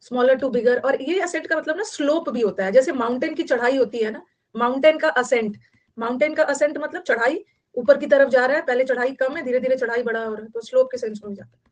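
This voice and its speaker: A woman with a high voice and an Indian accent teaches an online English vocabulary class at a slightly fast pace. She explains each word in a mix of Hindi and English and repeats the terms many times.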